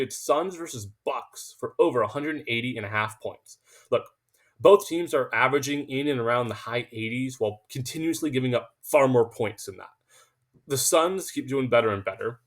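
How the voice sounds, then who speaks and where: Guy confidently running through his betting picks, emphatic, trips on his words sometimes. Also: mid-range voice. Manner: emphatic, confident, self-assured; stumbles and restarts when excited. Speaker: sports betting picks host. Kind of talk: casual betting picks monologue.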